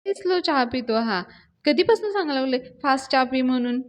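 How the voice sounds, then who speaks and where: A woman voicing an eager young man who insists in a hurried way. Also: high voice, animated. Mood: insistent.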